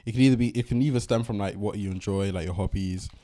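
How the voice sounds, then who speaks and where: A man's voice: fairly low pitch, fast talker, warm tone. A young man co-hosting a casual late-night podcast, laid-back and joking, swearing casually. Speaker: podcast co-host.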